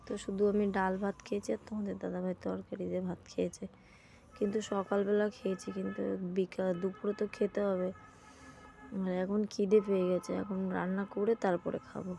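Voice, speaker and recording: Recorded at home with a little hiss or hum, a young woman vlogger with a mid-range, gravelly, mellow voice talks through her day in a casual daily vlog. She sounds tired and unwell, with a sore throat.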